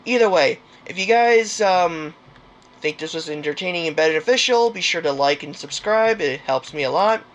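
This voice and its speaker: Rambling young man with a high voice. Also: lively intonation, moderate pace, a bit bright. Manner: rambling, hesitant, many fillers and restarts. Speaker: gaming channel host. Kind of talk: casual game commentary outro.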